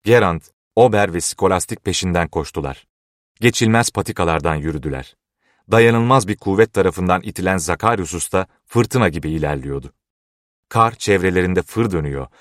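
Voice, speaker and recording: A man narrating a novel in a measured, even storytelling manner. His voice is very deep. The recording is close and dry, with no room sound. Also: no room sound. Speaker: audiobook narrator. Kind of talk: scripted narration.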